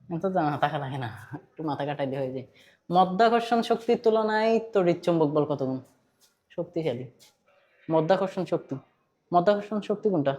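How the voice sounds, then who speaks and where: Bangladeshi-accented physics tutor, chatty lecture, repeats and quizzes, mid pitch. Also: dark tone. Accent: Bangladeshi Bengali. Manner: conversational, quizzes students, repeats points, mixes in English terms. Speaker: physics teacher. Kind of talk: online class lecture.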